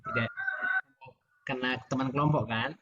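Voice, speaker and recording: A middle-aged man with an Indonesian accent, a lecturer giving chatty, relaxed feedback to students over a video call. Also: mid-range voice, measured pace. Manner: relaxed, chatty, laughs often. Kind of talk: online class feedback. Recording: muffled video-call audio with faint background noise.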